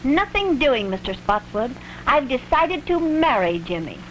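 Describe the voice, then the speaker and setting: A woman's voice: sits high, very animated, unhurried, fairly bright tone, full character voice. An actress in an early talkie film playing a brazen, scheming showgirl blackmailer, insolent and taunting, on a crackly old soundtrack. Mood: defiant.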